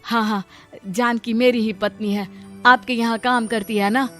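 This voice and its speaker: Woman doing a poor laborer guy in a cartoon, earnest, kinda high voice, faint music behind. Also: fairly even intonation, moderate pace, fairly bright tone, close to an everyday voice. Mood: reassuring. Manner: earnest, exclaims "arey" a lot. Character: poor kind brave laborer husband, adult man. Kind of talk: Hindi cartoon story dubbing.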